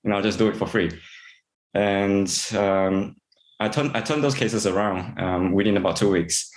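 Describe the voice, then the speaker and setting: A Singaporean man who works as an integrative veterinarian answers interview questions haltingly, repeating words and using many fillers. His voice is lowish and steady in tone, and the low-quality recording sounds roomy.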